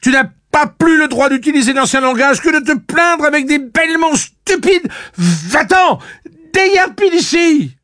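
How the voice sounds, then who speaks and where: A man reading aloud voices a spiteful older aunt who scolds and sneers in a raised, shrill voice. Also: very animated, unhurried, a little mellow, husky, no echo, clean studio sound, heavily acted. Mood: scornful.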